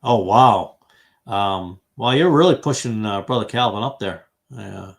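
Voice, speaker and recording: His voice is gravelly, on the low side and unhurried. He's a man in his fifties from Massachusetts running a casual livestream fellowship conversation, thinking out loud, filling pauses freely and responding to what viewers write as he goes.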